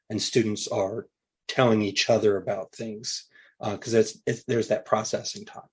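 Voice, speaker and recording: A man's voice: fairly low pitch, darkish tone, breathy edge. A middle-aged man, a linguistics professor, answering interview questions in a thoughtful, conversational way with frequent fillers and restarts.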